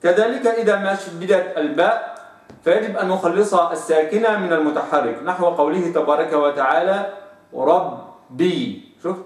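A man teaching Quranic recitation rules, stretching out example words slowly to demonstrate sounds. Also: sits high, echoey room, far from the mic. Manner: drawn-out slow recitation of examples. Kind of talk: tajweed lesson with slow demonstrations.

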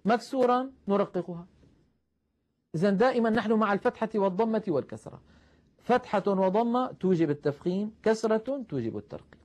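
A man teaching the rules of Quran recitation, explaining patiently, calling his listeners brothers and slowing down to recite example verses. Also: high-pitched, expressive, a little mellow. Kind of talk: tajweed lesson.

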